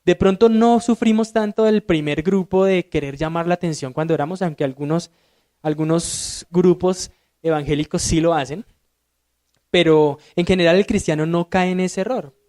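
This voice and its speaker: A deacon teaches a Sunday school Bible lesson in a voice that sits high for a man. He drives his points home emphatically and keeps turning to his class with rhetorical questions. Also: normal speed, darkish tone.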